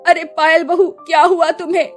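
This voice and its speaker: A woman voicing a kindly middle-aged mother-in-law who speaks in a loud, motherly, reassuring way. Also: very high-pitched, level tone, brisk, soft background music, voice pushed up. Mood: caring. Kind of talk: storybook voice acting.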